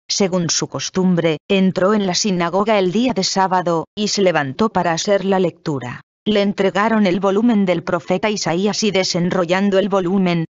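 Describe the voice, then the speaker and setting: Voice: mid-range voice, no room sound. Solemn scripture reader, dull dry sound. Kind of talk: scripture reading.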